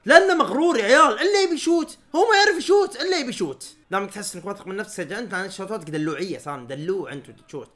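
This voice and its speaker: A man with a Saudi accent giving live match reaction commentary as a football fan streamer, excitable, shouting at players and the referee and laughing often. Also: high-pitched, rapid-fire, hardly any pauses. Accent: Saudi Arabic.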